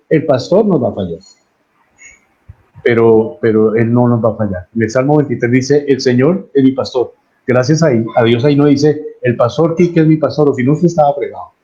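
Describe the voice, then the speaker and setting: A man's voice: mid-range voice, normal speed, dark tone, muffled recording. A man with a Colombian accent, a pastor preaching a sermon earnestly and repeating key phrases for emphasis.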